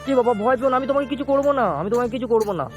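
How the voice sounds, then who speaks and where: A man vlogging in the street, gently coaxing and soothing a small child while making emotional asides to a friend. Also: very high voice, rapid-fire. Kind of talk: street vlog talking to a child. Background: music.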